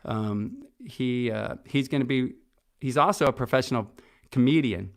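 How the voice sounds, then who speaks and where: A man's voice: medium pitch, normal speed, gravelly. A middle-aged man hosting a podcast, talking casually and with enthusiasm about an upcoming conference and its sponsors, with many fillers and restarts. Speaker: podcast host and conference organizer. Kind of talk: casual promotional podcast talk.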